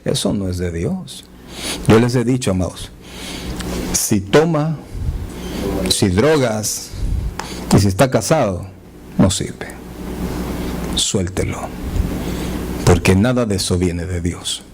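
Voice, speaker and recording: A man pastor preaching a sermon in church, moving between soft asides and raised, fervent appeals. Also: fairly low pitch, lively intonation, slow pace, pauses often, background noise. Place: church sanctuary.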